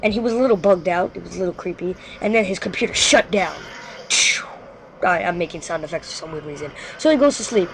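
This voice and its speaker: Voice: mid-range voice, fairly bright tone. A show host casually telling a creepy story live, rambling and often stopping mid-sentence to correct themselves. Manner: rambling, frequently corrects itself.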